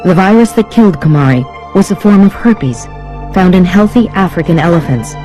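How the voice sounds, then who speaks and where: A nature documentary narrator delivers a scripted voice-over. The pitch sits in the middle, and music plays prominently underneath. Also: animated, a little fast, dark tone.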